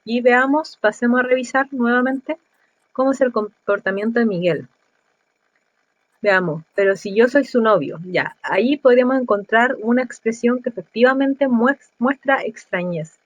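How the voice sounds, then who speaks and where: A woman's voice: fairly high pitch, moderate pace, no room sound, poor audio. A young woman, a teacher walking through reading-test answers in a conversational way, thinking aloud as she goes. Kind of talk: explaining exam answers.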